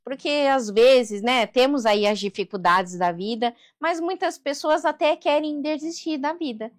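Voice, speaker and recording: A woman's voice: high-pitched, measured pace. A woman with a Brazilian Portuguese accent, a therapist and coach telling her life story as an interview guest, earnest and faith-driven, often adding "né". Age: adult daughter of a seventy-year-old mother. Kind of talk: emotional personal storytelling.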